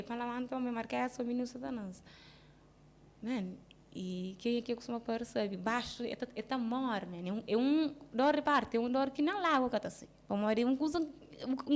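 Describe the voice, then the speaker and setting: A woman with a Cape Verdean Creole accent telling a personal story in an interview, halting and restarting, often asking if the listener understands, subdued with sudden bursts of emphasis. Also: high-pitched. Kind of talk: personal account in a casual interview.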